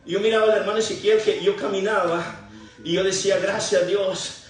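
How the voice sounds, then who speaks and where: A middle-aged pastor gives a halting testimony sermon, often repeating his words. His voice sits high for a man. It is heard from far off in a very echoey church. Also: fairly even intonation. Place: church sanctuary.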